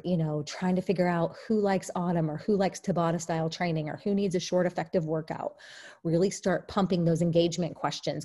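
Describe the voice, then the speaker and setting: A woman's voice: on the low side, dark tone. A woman leading a casual online training call for her team, chatty and upbeat with many fillers, a bit out of breath. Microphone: video call.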